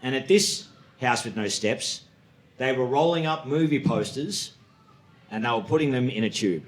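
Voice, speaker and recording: A man in his late thirties with an Australian accent, telling stories in a stand-up comedy set and acting out high, excited voices. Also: normal speed. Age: 30s. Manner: storytelling, acts out voices with sudden high excited jumps. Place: comedy club stage. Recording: echoey club room with audience.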